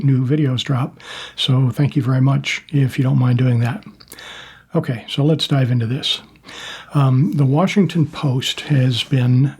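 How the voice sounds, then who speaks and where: Husky older American man talking plainly. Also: mid-range voice, darkish tone. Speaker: YouTube host, former Marine. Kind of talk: casual monologue to viewers.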